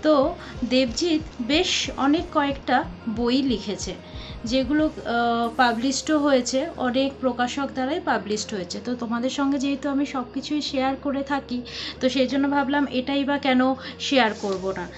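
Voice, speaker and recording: A high-voiced woman in her thirties, speaking, chats casually to her vlog audience. She hesitates often and restarts her sentences. The recording is slightly muffled, and soft music plays in the background. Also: moderate pace. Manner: chatty, with many hesitation sounds and restarts. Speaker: vlogger. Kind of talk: casual vlog chat showing books. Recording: slightly dull lo-fi sound with faint music.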